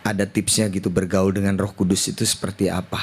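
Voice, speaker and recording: A man's voice: deep voice, little pitch movement, fast talker, husky. A man hosting an online service, casually passing a question to the preacher over a video call. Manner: casual, relaying questions with fillers. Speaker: service host.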